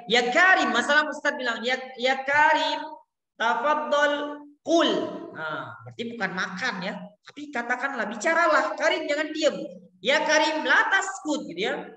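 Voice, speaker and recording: Patient, encouraging woman language teacher, bright and fairly high, recorded in a reverberant room. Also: lively intonation, normal speed. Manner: patient, encouraging, drills words and sprinkles Arabic classroom phrases. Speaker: Arabic teacher. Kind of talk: online class teaching pronunciation to children. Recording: echoey room with long reverb.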